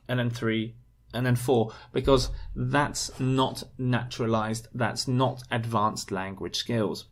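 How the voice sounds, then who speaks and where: A man's voice: medium pitch, vocal fry. A man teaching an English exam lesson, explaining the marking step by step with examples. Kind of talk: instructional video lesson.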